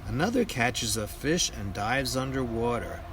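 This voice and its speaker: An older man with a grandpa voice reads a children's picture book aloud in a deliberate storytelling manner. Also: medium pitch, lively intonation, noisy background.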